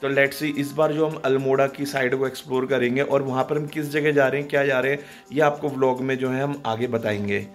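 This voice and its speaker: A man's voice: medium pitch, fairly even intonation, a little fast, faint music behind. A man in his thirties talking casually to a phone camera held at arm's length, teasing and hurrying his family along at home. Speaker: vlogger. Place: home bedroom, later in a car.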